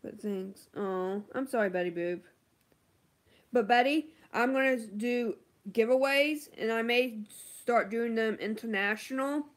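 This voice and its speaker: A woman's voice: on the high side, a little slow. A woman beauty vlogger chatting casually on a livestream, answering viewer comments with lots of ums and likes.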